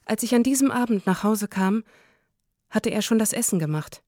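Calm woman narrating a story, dry close sound. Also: medium pitch, dry recording. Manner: calm, measured reading. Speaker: audiobook narrator. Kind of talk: first-person literary narration.

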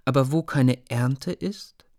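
A man's voice: mid-range voice, slow pace, darkish tone, voice pushed up. A man voicing a fearful, grieving peasant mother in a storybook reading, pleading in a small voice. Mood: resigned.

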